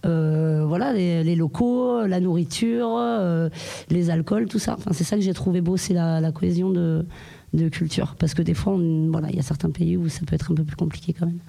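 A woman's voice: on the low side, fairly even intonation, normal speed, gravelly, mellow. A woman talking in a casual group chat, hesitant, with many fillers and restarts.

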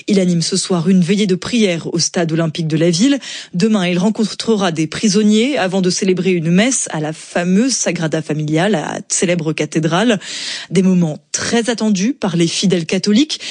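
A woman reading the radio news in a clear, measured way from a studio. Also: medium pitch, darkish tone, no echo. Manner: clear, measured newsreader delivery. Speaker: news presenter. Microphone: studio microphone.

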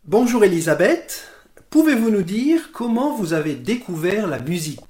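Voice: mid-range voice, big pitch swings, normal speed, a little mellow, reverberant, faint music behind. A radio interviewer asking polite, formal questions.

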